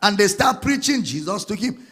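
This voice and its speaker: A man preaching a sermon as a pastor, singing out scripture lines and spelling words slowly. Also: high voice, animated, sharp tone, husky, big-room sound.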